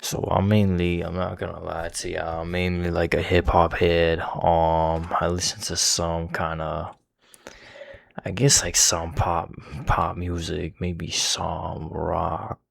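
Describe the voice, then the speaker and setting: A man's voice: low-pitched, monotone, takes it slowly, gravelly. A young man rambling casually as a music reaction host, talking with a slight lisp from his retainers and swearing often.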